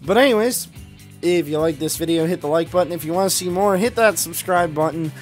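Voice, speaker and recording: With music behind him, a gameplay video host gives brisk, rambling commentary full of swearing and enthusiasm. His voice is a little high, and he has a slight speech impediment.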